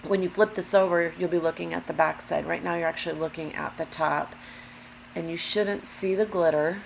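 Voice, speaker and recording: Gravelly, low-pitched woman giving a craft tutorial. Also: poor audio. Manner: unhurried, careful explaining with apologetic asides. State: allergy-affected voice, throat clearing. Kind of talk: casual step-by-step craft demonstration. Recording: steady background hum, lawnmower noise. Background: lawnmower and hum.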